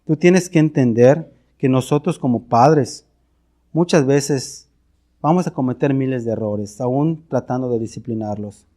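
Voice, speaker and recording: A man's voice: mid-range voice, measured pace, dark tone. A middle-aged man with a Mexican Spanish accent, preaching a confessional sermon in an earnest way, often repeating words and restarting phrases. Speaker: pastor.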